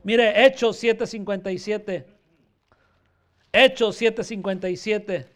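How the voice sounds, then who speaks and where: A man's voice: high voice, slow, a bit bright. A male pastor preaching a fervent sermon, repeatedly calling his listeners brother.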